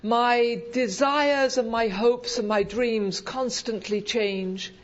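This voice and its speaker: A woman's voice: fairly high pitch, takes it slowly. Wry English woman, dull live recording. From England. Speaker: guest convention speaker. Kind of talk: humorous personal recovery talk to an audience. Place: convention meeting room, speaking to an audience.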